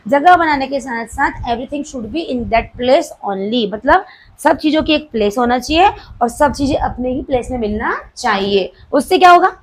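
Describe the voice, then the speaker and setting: A young woman teacher giving a classroom lecture, playfully scolding her students and slowing right down to dictate key terms. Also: high-pitched, rough recording. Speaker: commerce teacher.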